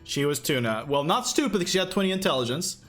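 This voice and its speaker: With faint music behind him, a young man hosts a livestream as game master, chatting casually and reading chat questions. His slightly high, bright voice is expressive and fast, and he rambles with lots of fillers and restarts.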